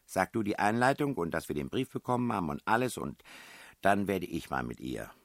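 A man's voice: low-pitched, very animated, vocal fry, no echo, studio quality, pitched above the performer's own voice, exaggerated voice. A man reading aloud, voicing a bossy, teasing young woman known as the Princess in a storybook reading. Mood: commanding. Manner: brisk, commanding, teasing.

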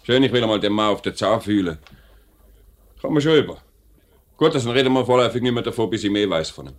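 Playing a self-assured, plain-spoken company director with a Swiss German accent, this male actor in a 1950s radio drama sounds brisk and authoritative. His fairly low voice is expressive but close to an everyday voice, and he comes across as probing and brisk.

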